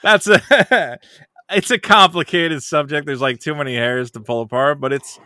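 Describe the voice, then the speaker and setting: A young adult man, a comedian, talking as a guest in a loose, animated, jokey way. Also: on the high side, dry recording, studio quality. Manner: animated, jokey, quick to slip into goofy voices. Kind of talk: casual conversation.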